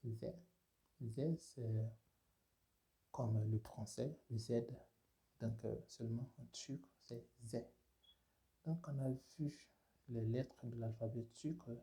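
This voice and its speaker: In a slow spoken language lesson, a man with a medium-pitched, dark voice pronounces each sound carefully and asks listeners to say it back. His speech is full of hesitant fillers.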